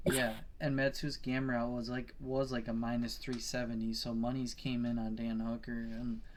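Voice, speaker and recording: Rambling casual man with a flat voice. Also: medium pitch, moderate pace. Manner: rambling, swears, self-corrects often. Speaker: podcast co-host. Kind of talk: casual betting-picks chat.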